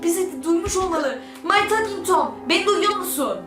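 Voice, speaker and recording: A young woman doing excited gameplay commentary, repeating herself and squealing as she reacts. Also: very high-pitched, moderate pace, roomy sound. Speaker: gaming YouTuber. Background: loud music.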